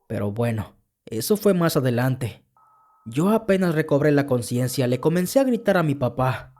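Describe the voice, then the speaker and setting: Man, podcast horror narrator, slightly high voice, warm tone, earnest storytelling. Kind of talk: scripted first-person horror narration.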